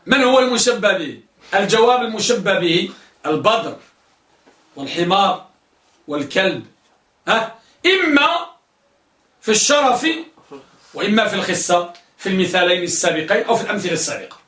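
A man's voice: high-pitched, animated, brisk, long pauses, pushed and bright. A male teacher giving a classroom lesson, questioning students and drilling their answers. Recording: echoey room, mic at a distance.

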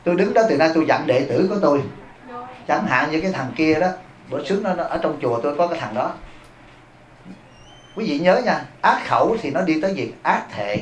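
A man, a Buddhist abbot giving a lively, humorous sermon that teases and questions the audience. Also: on the high side, fairly quick, long pauses. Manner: humorous, teasing, addresses the audience. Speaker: Buddhist monk and abbot giving a dharma talk. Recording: echoey hall.

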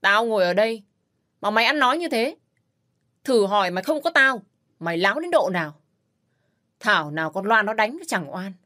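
A woman's voice: medium pitch, very animated, a little fast, pauses often, sharp tone. A woman voicing a domineering elderly father-in-law who barks and scolds. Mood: scolding. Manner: barking, scolding. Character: harsh domineering elderly father-in-law, short-tempered man.

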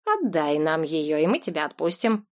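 A woman's voice: deep voice, big pitch swings, normal speed, voice pushed down. Woman doing a grating, menacing thug. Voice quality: creaky grating voice. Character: stooped menacing man with cruel eyes, grating.

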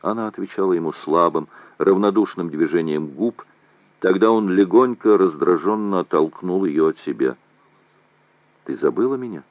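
A man giving a measured audiobook reading of a war novel. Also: sits low, dry recording. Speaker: narrator. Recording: dull, dry lo-fi recording.

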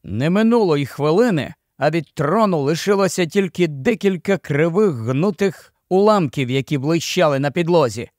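A man's voice: fairly high pitch, animated, moderate pace, hardly any pauses, a little mellow, no room sound. A man narrating an audiobook expressively on a close studio mic. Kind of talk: scripted narration.

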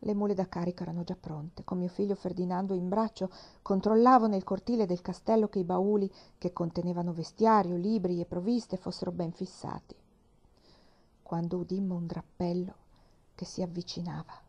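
Warm-voiced woman reading a novel. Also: on the low side, moderate pace, dull audio. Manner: expressive first-person narration. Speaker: reader.

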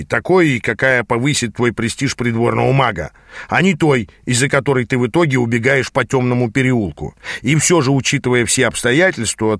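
A man's voice: mid-range voice, vocal fry, fairly bright tone, no room sound, studio quality. A man reading an audiobook and voicing a sarcastic male demon mentor who growls, scolds and mocks his apprentice. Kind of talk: audiobook character voice.

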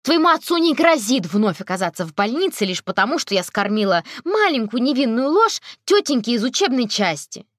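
A woman's voice: fairly high pitch, very animated, a little fast, few pauses, no room sound, studio quality, pitched above the performer's own voice. A woman reading an audiobook, voicing a sarcastic, commanding royal grandmother with curt delivery. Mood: haughty.

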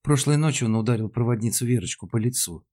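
A man's voice: mid-range voice, lively intonation, quick pace, a little mellow, voice pushed up, natural voice. A man voicing an earnest young woman sleuth.

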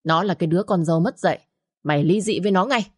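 A woman voicing a domineering older mother-in-law who scolds and hurls insults in quick bursts. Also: medium pitch, animated, darkish tone, close to an everyday voice. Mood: furious.

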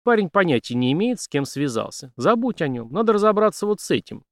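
A gruff male officer, as a man reads him in an audiobook, combative and sardonic. He pushes his questions hard and mockingly. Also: high voice, big pitch swings, fast talker, dry recording, clean studio sound, voice pushed up. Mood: gruff challenging.

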